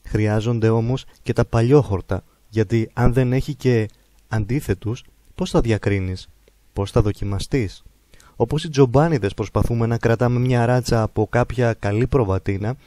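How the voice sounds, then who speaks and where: A man reads a life story in a slow, measured, reverent way. His voice is mellow and dark, and the sound is dry and close with no room echo. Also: mid-range voice. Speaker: narrator. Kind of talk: calm biographical narration of a holy man's life.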